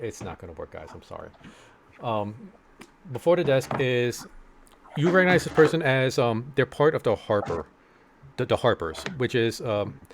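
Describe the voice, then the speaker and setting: A man's voice: medium pitch, a little hiss or hum. A man narrating a tabletop game as game master, with lots of fillers and restarts. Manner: hesitant, many fillers and restarts.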